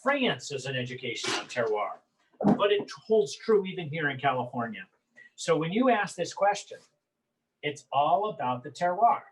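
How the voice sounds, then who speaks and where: A man's voice: on the high side, very animated, normal speed, poor audio. A man talking as a wine book author, enthusiastic and prone to repeating words as he starts sentences. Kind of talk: promotional chat.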